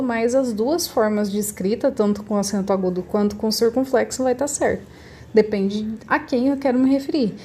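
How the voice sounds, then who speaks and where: A woman with a Brazilian Portuguese accent teaching a recorded remote lesson, patiently saying each word slowly to show the stressed syllable. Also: mid-range voice, mellow, a little hiss or hum.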